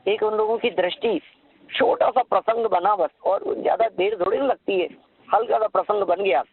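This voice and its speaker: A man giving a devotional discourse, slowly chanting verses and then explaining them in a conversational way, asking listeners rhetorical questions. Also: high-pitched, breathy edge, dry recording, phone-quality sound. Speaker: religious lecturer.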